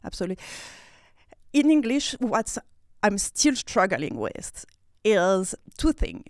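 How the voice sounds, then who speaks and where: A woman's voice: medium pitch, wildly swooping pitch, takes it slowly, no echo, clean studio sound. A woman from France with a French accent, a guest in a casual interview, speaking expressively, breaking into laughs and repeating words as she searches for them.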